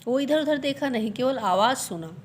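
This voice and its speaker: A woman's voice: high voice, expressive, normal speed, slight background noise. A woman primary school teacher telling a story to young children. She repeats each line and asks quiz questions as she goes.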